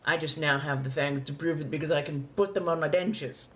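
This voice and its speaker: A woman's voice: deep voice, steady tone, close to an everyday voice. A woman playing an ancient, genteel female vampire with a posh colonial accent, speaking formally and courteously as she chats live in character. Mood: poised, amused. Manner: refined, formal, old-fashioned wording, drawn-out deliberate phrasing. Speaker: livestream host answering viewer questions. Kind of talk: in-character live question-and-answer chat.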